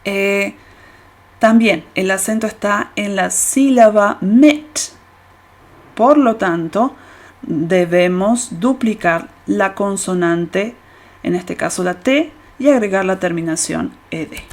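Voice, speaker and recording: A woman teaching English grammar in a slow, careful way, pausing often with hesitations. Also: mid-range voice. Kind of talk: explaining grammar to students.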